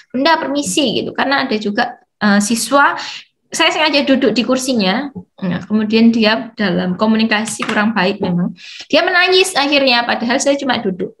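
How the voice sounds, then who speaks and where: This woman's voice is medium in pitch with a fairly bright tone. She's an educator running a seminar for parents of children with hearing technology, explaining things patiently, using plenty of fillers, and reading questions aloud.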